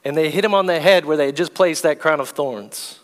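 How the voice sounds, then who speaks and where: A male pastor preaching a sermon slowly and deliberately, reading scripture aloud. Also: a little high, big-room sound. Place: church sanctuary.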